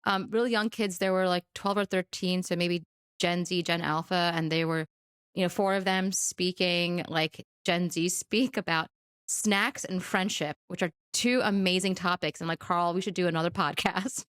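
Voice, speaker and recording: Lower-voiced woman, animated podcast co-host. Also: moderate pace, smooth, no room sound, clean studio sound. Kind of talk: casual chat.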